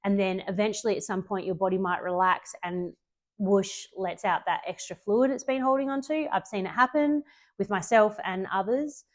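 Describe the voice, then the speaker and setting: A woman's voice: medium pitch, moderate pace. Chatty woman fitness coach explaining. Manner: chatty, loose, with frequent ums and self-corrections. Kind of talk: casual spoken tutorial.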